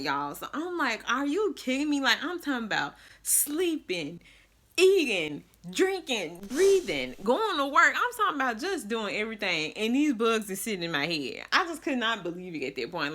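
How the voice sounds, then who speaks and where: A woman's voice: mid-range voice, sharp tone. A woman vlogger telling a personal story to her viewers, casual and dramatic, often calling them "y'all".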